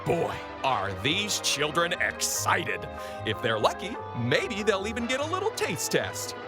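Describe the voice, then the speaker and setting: A man's voice: high voice, wildly swooping pitch, a little slow, music in the background, full character voice. A man voicing an upbeat 1950s radio announcer with a showy delivery, in 1950s radio acting.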